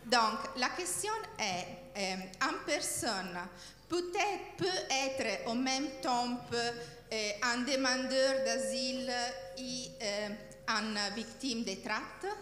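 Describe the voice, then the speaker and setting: A woman leading a workshop, speaking haltingly in French that is not her native language, putting questions to participants. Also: on the high side, fairly bright tone, a little hiss or hum. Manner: halting, searching for words in non-native French. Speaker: workshop trainer. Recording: echoey hall with long reverb.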